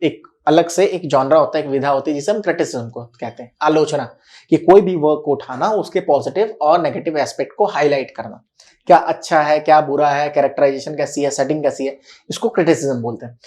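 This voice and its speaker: A male teacher giving a recorded lecture, explaining patiently, repeating key words slowly and often asking whether students are following. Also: a little high, darkish tone. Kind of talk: recorded classroom-style lecture.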